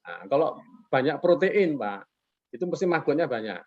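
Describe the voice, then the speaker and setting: On a lo-fi video call, a guest expert gives a casual webinar explanation in a sing-song voice on the high side, at a moderate pace. Folksy in tone, he asks himself rhetorical questions and answers them, tacking a polite address to the host onto nearly every phrase.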